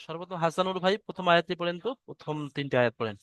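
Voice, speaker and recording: A man teaching Quran recitation in an online lesson, chanting verses slowly and explaining pronunciation patiently. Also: sits high, fairly bright tone, smooth, no echo.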